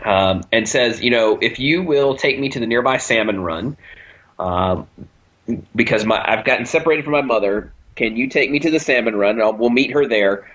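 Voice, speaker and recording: A man's voice: mid-range voice, a bit bright, lo-fi sound. A man co-hosting a casual movie podcast, recapping the plot and leading the talk. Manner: recaps the plot, leads the discussion. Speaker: podcast co-host.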